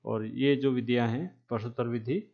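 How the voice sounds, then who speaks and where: A man lecturing trainee teachers, speaking slowly and repeating key terms, with frequent checks that the class is following. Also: medium pitch, fairly even intonation, vocal fry, dull audio. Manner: asks "है ना?" to check understanding.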